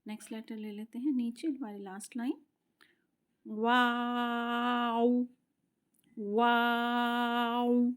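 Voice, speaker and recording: A woman teaching Quran pronunciation, explaining patiently and slowly modelling each letter sound, sometimes dropping to a soft whisper. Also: fairly high pitch. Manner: drops to a soft whisper at times. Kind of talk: tajweed lesson.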